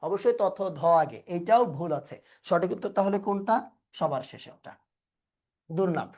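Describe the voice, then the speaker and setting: A woman's voice: lowish voice, lively intonation, moderate pace, warm tone. A woman teaching an exam-prep lesson, asking questions and answering them herself step by step. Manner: explains step by step, asks and answers own questions.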